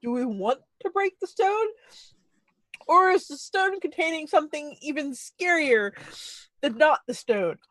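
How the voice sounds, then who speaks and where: A woman's voice: high-pitched, animated, measured pace, fairly bright tone, no echo. A woman playing a tabletop game, casually asking probing questions. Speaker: player.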